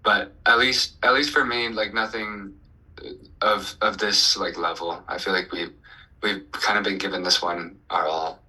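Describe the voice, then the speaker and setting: A young man from Colorado talks through his answers with a bright, sharp edge to a lowish voice. He hesitates often, restarting phrases as he thinks. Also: unhurried, breathy edge, low-quality recording. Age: 20s. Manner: relaxed, hesitant with fillers and restarts. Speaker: band singer and bassist. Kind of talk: casual interview answers.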